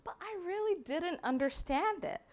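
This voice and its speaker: A young adult woman from Barbados with a Barbadian accent, giving a prepared personal talk and slowing down to stress key words. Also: very high-pitched, expressive.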